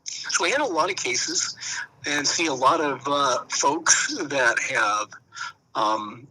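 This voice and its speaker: Bright man talking over a speakerphone. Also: mid-range voice, expressive, husky, rough recording. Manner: halting, with frequent "uh" and "um" pauses. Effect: heard over a speakerphone. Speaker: managing public defense attorney. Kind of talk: guest interview by phone.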